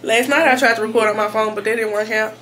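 Quick and steady, a fairly high, slightly bright female voice carries this casual vlog chat. The woman, in her twenties, is relaxed and playful with her slang as she films herself in a small bathroom at home, and background noise runs through the clip.

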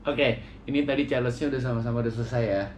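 A man's voice: medium pitch, racing, roomy sound, a little hiss or hum. A man hosting a casual, joking chat with his wife about drumming challenges. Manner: joking, relaxed, teasing. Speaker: channel host, drummer.

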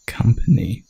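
In an ASMR roleplay, a man plays a hungry, dominant werewolf hunter. He growls in a gravelly, breathy, mellow voice and drawls in a menacing, seductive way.

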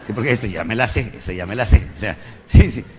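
A man's voice: lowish voice, lively intonation, fast talker, breathy edge. Emphatic Mexican man in a lecture hall. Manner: emphatic, preaching, rhetorical questions and crude jokes. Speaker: motivational speaker. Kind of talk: live motivational lecture.

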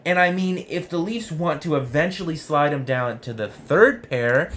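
A man's voice: a little high, moderate pace, fairly bright tone. A man in his twenties hosting a sports vlog, arguing with himself in an earnest, explanatory, conversational way. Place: small home room with jerseys on the wall. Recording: noticeable room noise.

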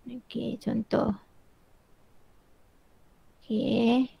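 A woman teacher, demonstrating a tool in an online workshop and filling pauses with "ah" over a video call. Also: on the high side, little pitch movement, gravelly, dark tone, slightly rough. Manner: chatty, frequent "ah" fillers while walking through screens.

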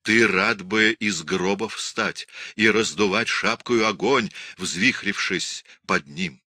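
Young cossack wife begging in anguish, a guy doing her voice, raised a bit higher, crisp dry sound. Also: moderate pace, sharp tone, no echo. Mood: pleading. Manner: impassioned, pleading.

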